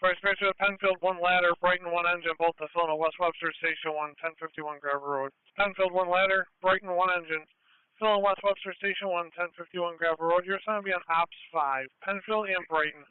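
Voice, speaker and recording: Higher-voiced man dispatching firefighters by radio. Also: steady tone, fairly quick, clear, resonant tone, dry recording. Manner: clipped, procedural firefighter radio calls. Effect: two-way radio. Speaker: emergency dispatcher. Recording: phone-like narrow radio channel.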